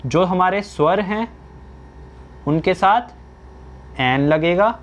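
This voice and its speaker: A young man teaching English grammar in a slow classroom style, asking questions and answering them himself. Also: high voice.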